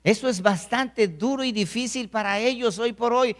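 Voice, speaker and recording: A man's voice: extremely high pitch, normal speed, a bit bright, big-room sound. A male pastor preaching a sermon, pressing his point with rhetorical questions and repeated phrases.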